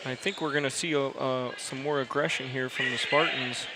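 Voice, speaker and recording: A man giving relaxed color commentary on a basketball game in short analytic remarks. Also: mid-range voice, normal speed, heavy background noise. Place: school gymnasium during a game.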